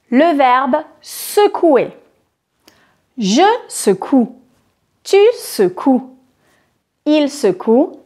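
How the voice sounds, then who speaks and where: A woman teacher with a fairly high voice that swings widely in pitch. She speaks very slowly and clearly. Her pronunciation is carefully exaggerated for learners. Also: darkish tone. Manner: carefully articulated, exaggerated stress on endings. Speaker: French teacher. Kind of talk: slow, deliberate conjugation drill.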